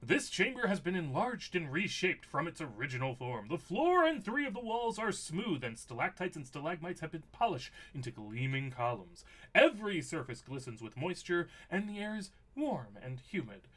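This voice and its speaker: A man running a tabletop game as game master, narrating scene descriptions in a measured way. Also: fairly high pitch, big pitch swings, fairly bright tone.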